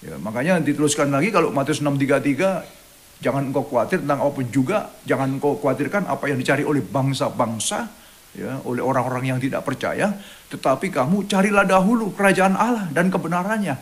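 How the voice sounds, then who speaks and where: A man's voice: medium pitch, quick pace. A man preaching a sermon as pastor, reading verses and switching into English, with a frequent "ya" between phrases and a dramatic raised voice when he quotes. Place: church online service.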